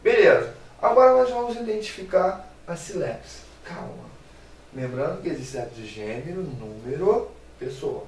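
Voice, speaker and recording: A man teaching a grammar lesson, lively and playful, throwing in English exclamations. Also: a little high, normal speed, a little hiss or hum. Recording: echoey room, mic at a distance.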